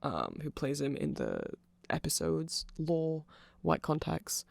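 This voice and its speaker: Speaking slowly with wildly swooping pitch, this content creator offers opinions while meandering through an ASMR-style explainer. The voice is mid-pitched and noticeably creaky, captured in a close, dry recording.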